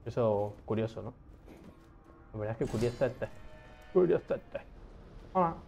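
A young man giving casual gameplay commentary, excitable, swearing often and talking to himself as he plays. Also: on the low side, moderate pace, creaky, faint music behind. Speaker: gaming streamer.

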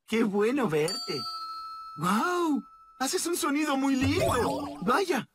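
A woman voicing a giggly, high, cheerful little girl. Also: big pitch swings, very slow, full character voice. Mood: playful. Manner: giggly, exclaiming, talking to objects. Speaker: dub voice actress. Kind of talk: Latin American Spanish fan dub of a children's show. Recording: loud music behind the voice. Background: loud children's music.

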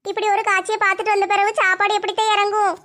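A woman's voice: very high voice, level tone, fast talker, bright, forceful tone. A woman voicing an anxious, heartbroken young village wife, complaining plaintively.

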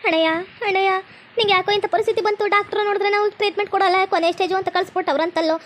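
A grieving young sister in a cartoon, voiced by a woman speaks with a North Karnataka Kannada accent. Her very high voice rushes along in a flat tune. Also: a little hiss or hum. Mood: plaintive. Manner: plaintive, pleading. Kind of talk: cartoon voice acting.

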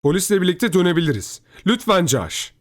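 A man voicing a frightened young woman who pleads with her brother, in a raised, high voice for a horror story reading. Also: sing-song, brisk. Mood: pleading. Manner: pleading, panicky.

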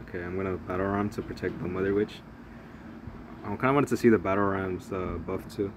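A young man with a low-pitched voice hosts a gaming channel, rambling through casual, profane play-by-play of a mobile strategy game. The background is noisy.

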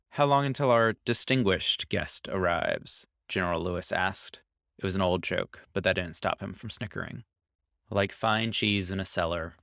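A man with a low, deep voice narrates a short story in a calm, even manner. His tone is smooth and resonant. The recording is dry and close, with no room sound. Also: dry recording. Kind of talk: scripted narration.

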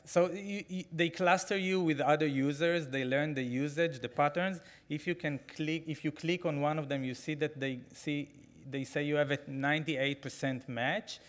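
A man in his forties speaking at a podium microphone in a big conference hall. He talks conversationally and with energy, with many fillers and restarts. His voice sits in a middle register. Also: medium pitch. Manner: conversational, animated, frequent fillers, gestures while talking. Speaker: keynote speaker. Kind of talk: conference keynote.

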